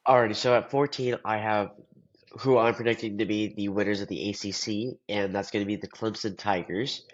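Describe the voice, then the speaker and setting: A young man with a blocked, stuffy nose gives his sports rankings in an earnest, casual way, sometimes stopping to hunt for the right word. His voice sits fairly low. The audio is dull and lo-fi. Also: fairly even intonation, a little fast. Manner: earnest, searching for words. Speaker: podcast co-host.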